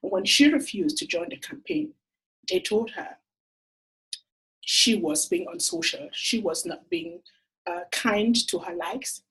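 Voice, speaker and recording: A woman makes a heartfelt personal appeal straight to camera. Her voice is very husky and breathy, and her pitch swings widely as she tells her stories. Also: animated, unhurried, a bit bright, rough recording. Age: 40s. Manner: earnest, heartfelt storytelling. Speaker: entrepreneur making a funding appeal.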